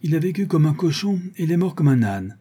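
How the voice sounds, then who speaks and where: A composed young widow with a dry, level manner, as a male reader puts her on. Her voice sits higher than the reader's own, with a dark, husky grain underneath. It comes from a storybook reading. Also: sing-song, fast talker. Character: widowed young bourgeois wife, cool and composed.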